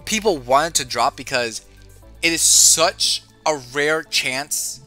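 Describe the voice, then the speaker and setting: A slightly high-voiced man speaks slowly over soft background music as he hosts an investing show. He keeps it lively in a casual market chat with a guest, running through stock prices and calling things "dude."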